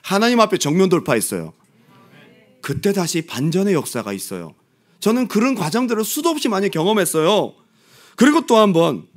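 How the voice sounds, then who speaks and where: A male pastor in his forties, from Korea, preaching with animated storytelling that swings from hushed to loud, and laughing as he tells stories. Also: high-pitched. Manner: laughs while telling stories. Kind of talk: sermon.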